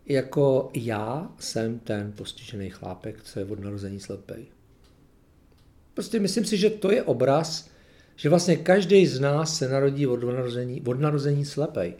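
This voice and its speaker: A man's voice: medium pitch, dark tone. A man reading a gospel passage aloud and then reflecting on it in a casual, hesitant way with many fillers. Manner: plain, unhurried reading, then searching, hesitant talk with fillers. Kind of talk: Bible reading followed by personal reflection.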